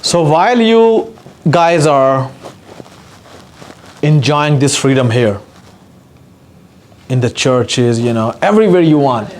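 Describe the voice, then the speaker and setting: An impassioned man with a Pakistani accent gives personal testimony, leaning hard on repeated words for emphasis. His voice sits a touch higher than most men's. A faint background hiss runs under the recording. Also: lively intonation, takes it slowly, pauses often, darkish tone. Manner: earnest, impassioned, repetitive emphasis. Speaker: activist guest speaker.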